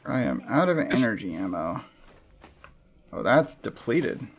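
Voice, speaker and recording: A man streaming a shooter game, chatting casually and thinking out loud with frequent chuckles. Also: mid-range voice, very animated, unhurried, breathy edge. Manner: chuckles often, thinks aloud. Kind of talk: casual gameplay chat.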